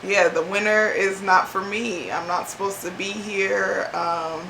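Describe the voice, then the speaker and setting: A woman from Ohio sharing a reflective faith talk on her vlog, speaking slowly and haltingly with many pauses and fillers, emotional and near tears. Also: mid-range voice, fairly even intonation, bright, forceful tone, roomy sound, a little hiss or hum. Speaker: vlogger.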